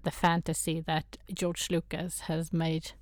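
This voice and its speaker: Deep, monotone and unhurried, a woman's voice comes through in studio quality with no room sound. She's a Swedish guest and toy photographer in a casual interview, speaking with a Swedish accent, hesitant restarts and lots of laughter.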